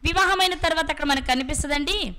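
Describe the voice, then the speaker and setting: Bright high-voiced woman preaching. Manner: asks the audience questions and answers them herself; slows down to stress words and scripture. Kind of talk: Bible sermon.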